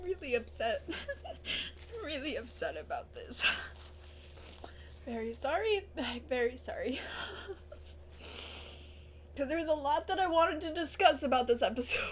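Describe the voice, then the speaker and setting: A woman's voice: high-pitched, very animated, moderate pace, a little hiss or hum. A young woman hosting a TV reaction video, emotional and tearful, gasping, swearing and laughing through her upset. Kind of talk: episode reaction commentary.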